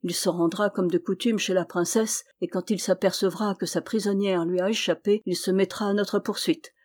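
A brave young man from a storybook, urgent and commanding as he rallies his brothers, as a woman reader puts him on. He speaks out loudly and pushes everyone to act fast. His voice rises with urgency. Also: mid-range voice, steady tone, lightly acted.

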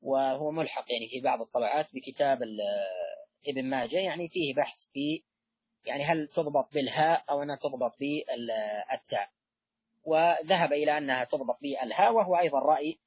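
A male lecturer delivers a measured academic talk, stopping often on long fillers and restarting his phrases. His voice is husky and slightly breathy, set close and dry with almost no room sound. The recording is a little dull and muffled. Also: medium pitch, no room sound. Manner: halting delivery with frequent drawn-out fillers and restarts. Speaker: lecturer on hadith studies.

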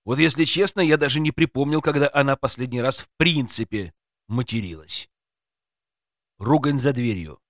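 A man's voice: mid-range voice, normal speed, fairly bright tone, no echo. A man narrating a tense first-person story in audiobook style, close to the microphone.

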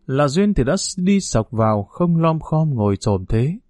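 A man narrating a novel in a steady, unhurried storytelling manner. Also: a little high, dry recording. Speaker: audiobook narrator.

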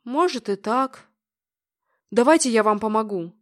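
A woman narrator puts on an old grandfather, frail yet cheerful, who brushes off his fall with dry humour. The audiobook voice stays fairly high, with a slower, gentler delivery. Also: animated. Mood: wry. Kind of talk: audiobook character voicing.

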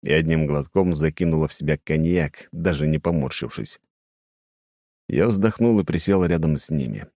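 A man narrating a first-person audiobook in a somber, measured way. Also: very deep voice, dark tone, dry recording, clean studio sound.

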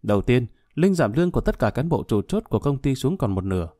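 A man narrating a social drama story aloud in an even storytelling manner. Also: mid-range voice, quick pace, no room sound, clean studio sound. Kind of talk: scripted audiobook narration.

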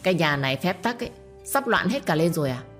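A woman's voice: lowish voice, animated, fast, a bit bright, soft background music. A woman voicing a stern, commanding mistress of a household who lectures and orders servants about. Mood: scolding. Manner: stern, bossy.

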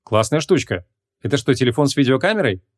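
A man's voice: mid-range voice, big pitch swings, quick pace, no echo, studio quality. A man voicing a shy, modest young male rookie policeman in an audiobook. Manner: hesitant, modest.

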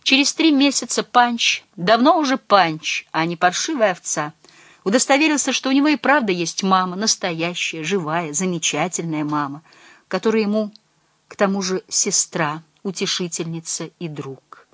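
A woman narrating a story in an audiobook, with measured, expressive storytelling. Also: medium pitch, no echo.

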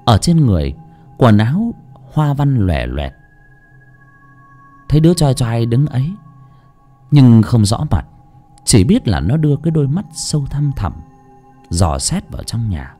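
A man's voice: medium pitch, big pitch swings, a little slow, pauses often, mellow. A man narrating a horror story in a dramatic storytelling voice. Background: faint background music.

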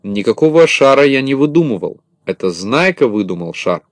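A man voicing a boastful, bossy little shorty who shouts and gets flustered in a storybook reading. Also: medium pitch, very animated, normal speed, no echo, voice pushed up, natural voice.

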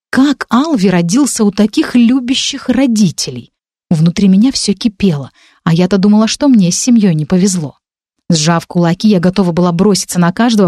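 A woman reads a first-person audiobook in a mid-pitched voice. She is expressive and animated, lending her character's lines clear urgency. The recording is dry and close. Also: no echo. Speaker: audiobook narrator.

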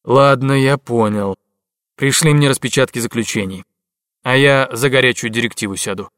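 A man's voice: mid-range voice, moderate pace, a bit bright, dry recording, clean studio sound, lightly acted. A man voicing a stern male intelligence major who speaks in curt, clipped phrases.

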